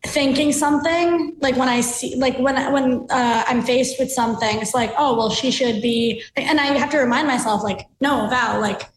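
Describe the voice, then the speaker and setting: A young woman talks fast and casually, full of fillers. Her voice is high, and the room is echoey with a faint hiss underneath. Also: steady tone. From United States. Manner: quick, chatty, with many fillers. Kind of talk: casual conversation.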